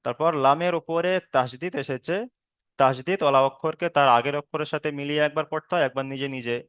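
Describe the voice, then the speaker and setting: A man teaching Quran recitation rules in a patient online lesson, explaining slowly, checking in with students, and drawing out chanted examples. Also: a little high, steady tone, fairly bright tone, clean tone, no room sound. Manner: drawn-out chanted Arabic examples.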